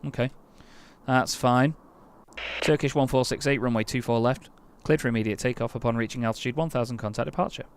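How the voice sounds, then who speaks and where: A man with a medium-pitched, clean voice talks fairly quickly while playing an air traffic control game. He chats casually, reads out call signs in radio calls, and gets exasperated when his commands fail.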